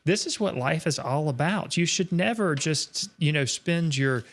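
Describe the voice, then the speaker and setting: An earnest, encouraging male art instructor co-hosts a live stream, reading viewer comments and chatting. His voice is a little high and expressive, a bit slow, and he speaks in long reflective runs.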